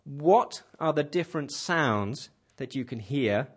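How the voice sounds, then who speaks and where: This radio English teacher speaks slowly in a husky, mid-range voice with lively intonation. He patiently quizzes his class and repeats each answer back.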